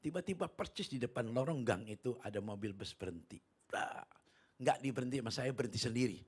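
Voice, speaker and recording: A man's voice: mid-range voice, animated, quick pace, darkish tone, breathy edge. A middle-aged man preaching a sermon in a church, telling a story with laughter and acted-out dialogue. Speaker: pastor.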